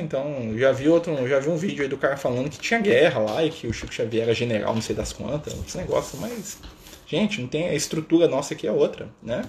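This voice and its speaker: A man's voice: on the high side, slight background noise. Chatty man hosting a spiritual live talk. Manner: chatty, constant "né?" tags, playful asides. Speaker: spiritist live-stream host. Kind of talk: casual spiritual talk to viewers.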